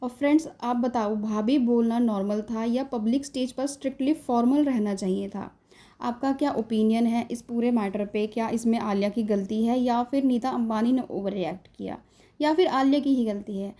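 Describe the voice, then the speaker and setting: Woman, gossip channel host, scripted dramatic narration, slips into English phrases, talks to viewers, fairly high voice, soft warm tone. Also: normal speed. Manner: mixes English phrases into Hindi, addresses viewers directly; dramatic storytelling build-up.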